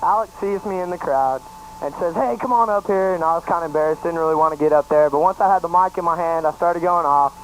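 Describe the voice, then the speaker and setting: A man's voice: on the high side, quick pace, a little hiss or hum, poor audio. A young man casually telling a story on a talk show, laid-back and saying man a lot. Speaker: guest co-host. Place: studio, public access show.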